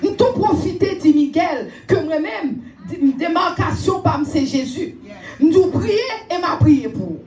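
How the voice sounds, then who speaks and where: Femme prédicatrice créole haïtienne, voix aiguë et animée. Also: female voice, very high voice, unhurried, echoey room, recorded from a distance. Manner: animated, often raises voice with laughter. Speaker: preacher. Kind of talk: sermon with personal testimony. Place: church.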